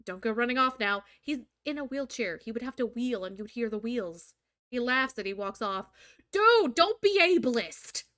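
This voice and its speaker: A woman's voice: on the high side, moderate pace, bright, forceful tone, no room sound. A young woman livestreaming as a VTuber, reading a visual novel aloud and breaking off into crude, joking asides. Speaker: VTuber streamer. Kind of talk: live-streamed visual novel reading with commentary.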